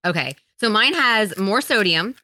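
A woman's voice: medium pitch, expressive, measured pace, pushed and bright, a little hiss or hum. A woman co-hosting a casual podcast chat, giving frank, enthusiastic opinions on products. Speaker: podcast co-host.

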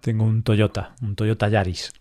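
A man's voice: fairly low pitch, flat delivery, mellow. Playful Spanish man co-hosting. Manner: playful, laughing often, spoken slowly and clearly. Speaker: podcast co-host. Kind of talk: casual chat for language learners.

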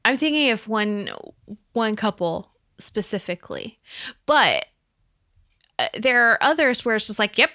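A woman in her thirties co-hosting a casual podcast, playful and animated, acting out little quoted bits as she talks. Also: on the high side, a little slow, no room sound, clean studio sound. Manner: animated, playful storyteller who acts out quotes. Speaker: podcast co-host. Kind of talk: casual chat.

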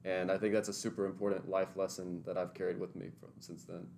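Deep-voiced young man, earnest answers. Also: little pitch movement, fast talker, vocal fry, a little mellow, a little hiss or hum. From Tennessee. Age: 20s. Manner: earnest, thoughtful, some restarts. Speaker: interview guest, teaching intern. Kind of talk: casual interview answers.

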